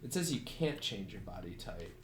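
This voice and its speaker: A man playing a tabletop game, talking casually and haltingly in an echoey room with loud music behind. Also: low voice, big pitch swings, noisy background.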